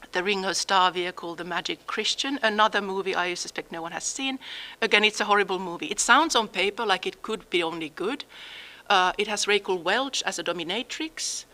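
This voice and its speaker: A woman giving a partly improvised academic talk, pausing to search for words, then stating opinions emphatically. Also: mid-range voice, pushed and bright, rough recording. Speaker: lecturer presenting own book research.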